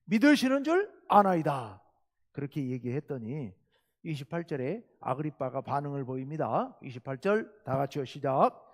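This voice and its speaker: A male pastor preaching a Wednesday sermon, animated and acting out quoted lines with sudden loud bursts. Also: medium pitch, normal speed. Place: church sanctuary. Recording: church hall reverb.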